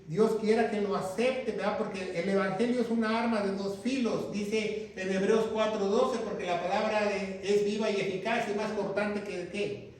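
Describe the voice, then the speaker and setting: A man's voice: sits high, fairly even intonation, moderate pace. A male pastor teaching a Bible class who keeps asking his listeners questions and then answering them himself. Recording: echoey room, mic far off.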